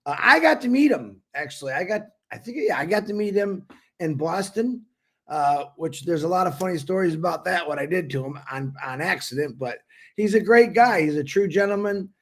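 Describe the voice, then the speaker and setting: A man's voice: high-pitched, animated, normal speed. A man co-hosting a live stream, making upbeat announcements and introducing a guest, stumbling and restarting now and then. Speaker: co-host.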